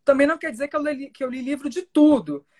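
A woman's voice: high-pitched, quick pace, darkish tone. A woman with a Brazilian accent hosting a casual interview in an informal, conversational way. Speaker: interviewer, host. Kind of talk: casual live interview chat.

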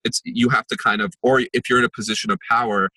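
Speaking fast in a medium pitch with fairly even intonation, this young podcast guest sounds pushed and bright. He is an empathy workshop facilitator, born in Israel and raised in New Jersey and New York, reflecting in a conversational interview with many fillers and restarts. The audio is poor, with no room sound.

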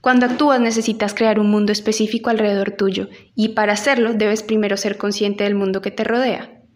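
A little fast and with little pitch movement, this woman's mid-range voice carries an instructional audio lesson. She's an acting teacher guiding the listener through an exercise. She speaks to them directly, alternating instructions with reflective questions.

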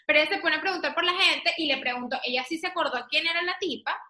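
A woman's voice: very high-pitched, quick pace, reverberant. A young woman co-hosting a casual podcast chat, telling stories and acting out the voices of the people in them. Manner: animated storyteller, acts out quoted voices. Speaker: podcast co-host.

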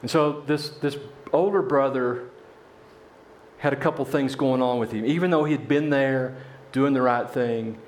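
A man preaching a sermon in a church, telling a parable with animated voices for its characters. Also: medium pitch, normal speed, reverberant, a little hiss or hum. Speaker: pastor.

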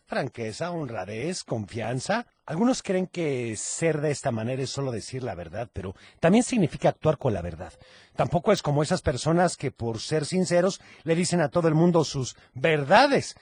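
A husky, slightly high Mexican man hosts a children's radio program, his pitch bouncing widely as he reads greetings and banters with young callers. He sounds playful and teasing, and the sound is close and dry. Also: big pitch swings, moderate pace, darkish tone, dry recording. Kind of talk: lively kids' radio chat.

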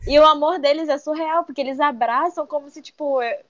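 A young woman with a high, bright-sitting voice tells stories in a casual interview, animated and quick to act out the people she quotes. The recording is close and dry, with no room sound. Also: dry recording, lo-fi sound. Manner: animated storyteller who acts out quoted voices and says "tipo" often. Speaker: TikTok creator guest.

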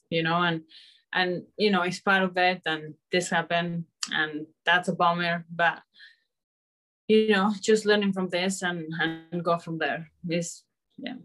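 Young woman fighter, slightly low voice, halting, hesitant, restarts a lot. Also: a bit bright. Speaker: mixed martial arts fighter. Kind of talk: post-fight interview.

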